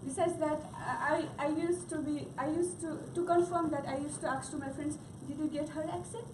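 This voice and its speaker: Her voice sits high, with fairly even intonation and a normal speed. She is a young Gurung-speaking woman from Nepal with a Nepali accent, delivering a halting class presentation marked by fillers and restarts, heard from far away in a noisy, reverberant room.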